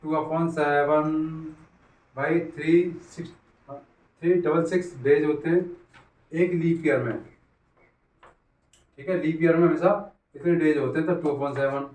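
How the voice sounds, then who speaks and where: A man's voice: a little high, measured pace, long pauses, mellow. A man teaching a math class, repeating points and checking that his students follow. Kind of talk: classroom lesson. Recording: echoey room, voice from far off.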